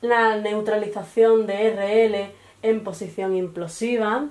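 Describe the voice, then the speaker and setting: A woman with an Andalusian accent giving a recorded language lesson, explaining step by step with pauses and fillers, often checking in with her students. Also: medium pitch, fairly even intonation, a little mellow. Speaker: teacher.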